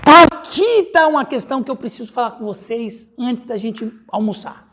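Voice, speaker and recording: A man's voice: very high voice, lively intonation, moderate pace, sharp tone. A male pastor with a Brazilian Portuguese accent, teaching a Bible study and calling on listeners by name.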